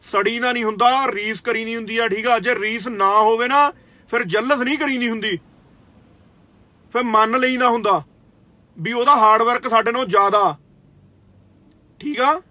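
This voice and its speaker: Brief: young Indian Punjabi man, kabaddi player, confrontational scolding rant, very high, sharp bright voice. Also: normal speed, long pauses, no echo. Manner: confrontational, scolding, swears, repeats "theek aa". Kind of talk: angry direct-to-camera rant.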